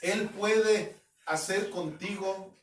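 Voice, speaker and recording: A man preaches an expository sermon in a high, emphatic voice. He now and then mimics doubters mockingly. The sound is roomy and echoey, picked up from a little distance. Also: very slow, slight background noise. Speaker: pastor. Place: at home. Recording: echoey room, mic at a distance.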